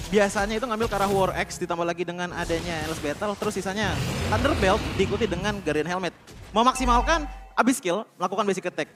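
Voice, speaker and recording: A man giving analytical esports caster commentary, laying out long step-by-step explanations. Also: sits high.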